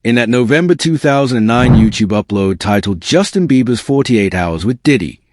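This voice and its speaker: A man's voice: mid-range voice, animated, normal speed, a little mellow, dry recording, studio quality. A man delivering scripted celebrity exposé commentary as an online host, in a slangy, incredulous, smug and sarcastic manner.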